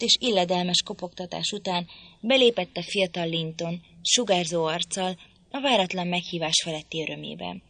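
A woman narrating an audiobook in a calm, measured storytelling manner. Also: fairly low pitch. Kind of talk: scripted narration.

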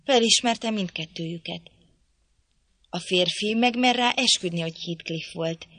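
A woman reading a novel aloud in a measured, steady storytelling manner. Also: lowish voice, no echo. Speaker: audiobook reader.

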